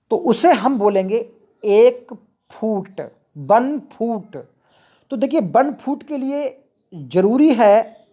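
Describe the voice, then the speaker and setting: A woman teaching an English poetry lesson, explaining each point slowly and repeating it, with English definitions mixed into her talk. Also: fairly high pitch, mellow. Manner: slow, repetitive, mixes English definitions into Hindi. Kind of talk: explanatory lecture.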